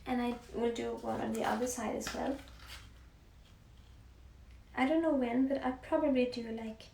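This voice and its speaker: A young Norwegian woman with a Norwegian accent, chatting softly on a livestream while she paints, often slipping into near-whispers. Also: a little high, fairly even intonation, moderate pace, gravelly. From Norway. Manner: soft-spoken, often drifting into near-whispers. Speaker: musician live-streaming to fans. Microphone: phone. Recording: echoey room with faint background hiss.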